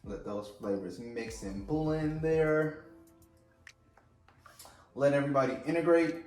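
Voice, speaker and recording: A man's voice: fairly high pitch, slow pace, darkish tone, echoey room, soft background music. A man hosting a casual at-home drink-making video, with a playful, chatty manner, talking straight to his viewers. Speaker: vlog host.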